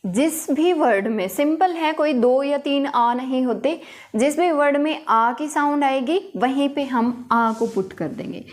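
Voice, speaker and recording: Brief: woman teacher, fairly high voice, slow and patient, explains step by step while writing. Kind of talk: phonetics lesson at a board.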